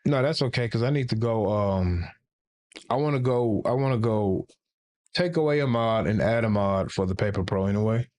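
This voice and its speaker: A man hosts a relaxed tech livestream with a somewhat low voice. He rambles, jokes and circles back mid-sentence as he talks. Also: normal speed. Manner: rambling and playful, with many restarts. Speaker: livestream host. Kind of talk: casual livestream chat.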